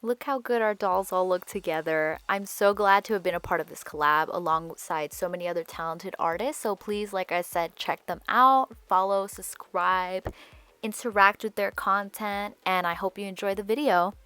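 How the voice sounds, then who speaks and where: A woman's voice: mid-range voice, moderate pace, fairly bright tone, clear, resonant tone, no room sound. A woman with braces slightly altering her speech, giving a chatty, candid voice-over for a craft tutorial. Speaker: doll repaint tutorial host. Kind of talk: casual voice-over tutorial narration.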